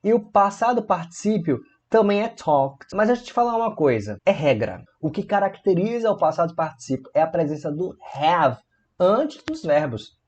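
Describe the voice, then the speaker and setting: A man from Brazil teaches a grammar lesson in a lively, playful way, throwing rhetorical questions at his viewers. His voice sits a little high and swings widely in pitch. The audio sounds slightly dull and lo-fi. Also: moderate pace. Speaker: English teacher. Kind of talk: video lesson explaining grammar.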